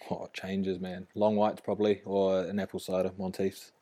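Laid-back, mellow man with broad Kiwi accent. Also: sits low, completely flat delivery, normal speed. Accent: broad New Zealand. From New Zealand. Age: young adult. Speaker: interview guest, rugby player. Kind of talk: casual chat.

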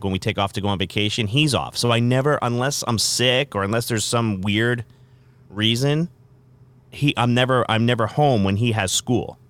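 A man's voice: medium pitch, a bit bright, clean tone. A man who hosts morning radio, chatting casually in an interview, rambling with lots of fillers and restarts.

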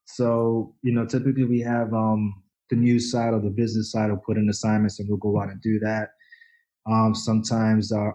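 A man's voice: fairly low pitch, mellow, rough recording. A man in his forties from the Dominican Republic, a photojournalist guest chatting loosely with lots of fillers, restarts and casual swearing. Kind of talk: casual interview chat.

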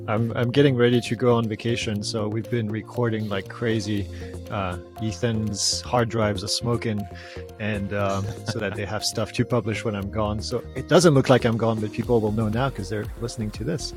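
A man co-hosting a podcast, talking in a relaxed, chatty way. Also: lowish voice, moderate pace, music in the background. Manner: relaxed and chatty, with some stumbles. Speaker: podcast co-host. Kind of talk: casual podcast chat.

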